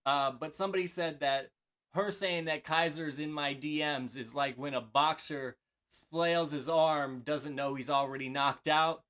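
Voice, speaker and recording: With a voice on the high side and fairly bright, this wrestling podcast co-host speaks unhurriedly with fairly even intonation. His casual talk is hesitant and rambling, packed with fillers and restarts.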